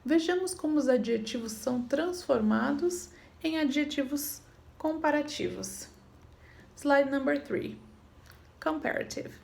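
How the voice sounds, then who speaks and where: A woman's voice: high voice, animated, unhurried, vocal fry, darkish tone. A woman teaching an English grammar lesson, patiently explaining rules and checking in with her students. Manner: patient, repeats points, checks in with "tá bom?".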